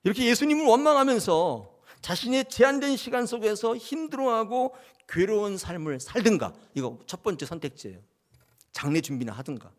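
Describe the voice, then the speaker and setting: Animated preaching man, lively pitch. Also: brisk. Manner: animated, questions the congregation directly. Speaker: pastor. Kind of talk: sermon. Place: church.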